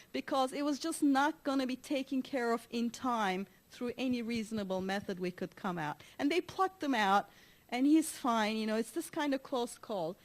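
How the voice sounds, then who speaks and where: A high-pitched woman from Turkey gives a conference talk, telling stories animatedly with frequent laughter and restarts.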